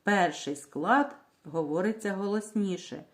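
A woman teaching a reading lesson to young children, sounding out words slowly and clearly, asking questions and then answering them herself. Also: mid-range voice. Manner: slow, clear, drawing out words syllable by syllable. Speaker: primary school teacher.

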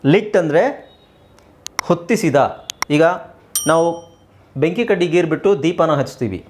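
A man's voice: fairly high pitch, lively intonation, slight background noise. Patient Kannada-accented male English teacher. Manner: explains patiently, repeats words, slow deliberate spelling aloud. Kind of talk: spoken English lesson.

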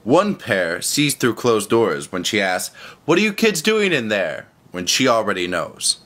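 A man's voice: lowish voice, huge pitch swings, measured pace, fairly bright tone, heavily acted. A man reading the Lord, earnest and proud. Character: the Lord, proud patient male creator.

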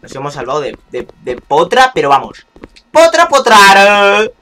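A man's voice: high voice, wildly swooping pitch, a little slow, sharp tone, rough recording. A young man giving playful, chatty commentary on a game he is playing and talking straight to his viewers. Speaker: gaming YouTuber. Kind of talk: casual gameplay commentary.

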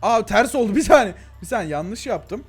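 Excitable young man with a lively voice. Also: normal speed, husky, faint music behind. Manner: excitable, chatty, talks to viewers as "gençler" and "abi", frequent laughs; voice swings between thin and deep registers. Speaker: gaming YouTuber. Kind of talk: casual Let's Play commentary.

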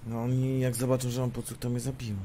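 A man's voice: medium pitch, monotone, fast talker, mellow, slight background noise, lightly acted. A man voicing an anxious male gang boss with amnesia, worried and pleading in an online game role-play. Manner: nervous, then outraged.

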